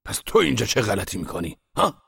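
An actor playing an irritable old master painter who scolds and lectures in a gruff voice. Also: male voice, rumbling low, dry recording, studio quality, exaggerated voice. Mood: scolding. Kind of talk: audio drama acting.

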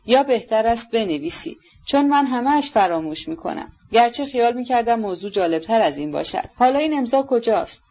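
A woman voicing a haughty, irritable older noblewoman who fires sharp, impatient questions, on a dull lo-fi recording. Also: fairly high pitch, expressive. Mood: imperious.

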